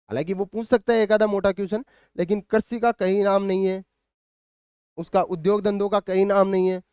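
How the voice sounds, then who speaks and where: Recorded at studio quality with no room sound, this coaching teacher's voice sits high, with a clean, darkish tone. He guides students through their exam syllabus in a lecture, patiently explaining and checking in regularly while thinking aloud through fillers and restarts.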